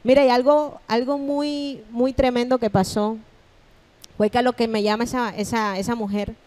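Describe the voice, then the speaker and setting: A woman's voice: on the high side, moderate pace. A woman pastor giving her personal testimony as a podcast guest, telling it animatedly and acting out the things people said to her. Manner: animated storytelling, acting out remembered dialogue.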